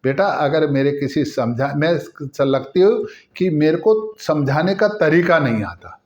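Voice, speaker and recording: A man voicing a remorseful older mother-in-law who speaks softly and apologetically. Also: on the high side, expressive, unhurried. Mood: apologetic.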